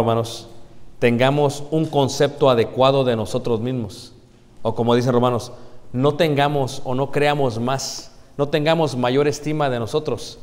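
A man preaching a sermon to a congregation, often pausing on rhetorical questions he answers himself. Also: mid-range voice, a little mellow. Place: church congregation. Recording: long church hall reverb.

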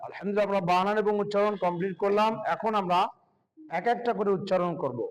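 A man teaching Quran reading, spelling out letters and vowel marks, then chanting the words in long drawn-out tones. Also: high voice, steady tone, dull audio. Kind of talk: spelling-and-recitation lesson.

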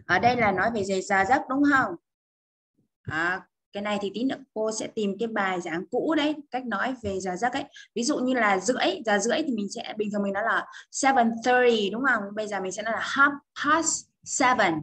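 A woman teaching an English speaking lesson and explaining in Vietnamese, slowing down for the English example phrases and often checking that students follow. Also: mid-range voice, a bit bright, breathy edge, rough recording. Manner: explains step by step, often checks with "được chưa?".

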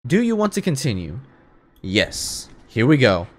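A man's voice: mid-range voice, huge pitch swings, unhurried. A young man commentating as he plays a video game, rambling to himself and exclaiming in jittery bursts. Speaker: gamer. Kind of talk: let's play commentary.

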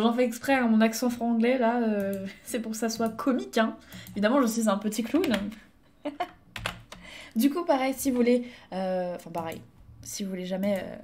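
A woman's voice: fairly high pitch, moderate pace, darkish tone, slight background noise. A young woman streaming a game live, chatting casually, laughing and thanking her viewers. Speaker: Twitch streamer. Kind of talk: casual live gameplay chat.

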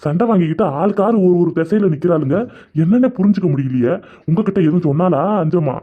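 A man's voice: high-pitched, quick pace. A man voicing a grumpy middle-aged husband in a cartoon, who grumbles and scolds. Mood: puzzled. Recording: dull lo-fi sound.

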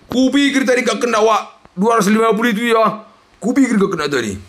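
A young man, giving loud, excited commentary on a slot game as he plays, swinging between yells and mutters. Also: very high voice, fast talker. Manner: loud, shouting and exclaiming, jumpy swings between yelling and muttering.

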